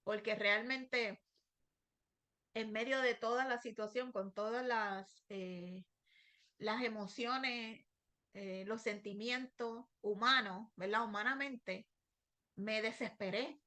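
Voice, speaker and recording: A middle-aged woman preaches a devotional message in a fairly high voice. She talks through her own trials in a personal, emotional way. She slows down and repeats her pleading phrases again and again. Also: fairly even intonation, bright, forceful tone. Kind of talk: devotional sermon.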